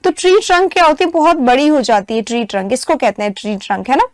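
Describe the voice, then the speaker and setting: A young Indian woman teaching English vocabulary for an exam, explaining step by step, checking in with her students often, and reading the English prompts slowly. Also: sits high, no echo, clean studio sound. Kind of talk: exam-prep vocabulary lesson.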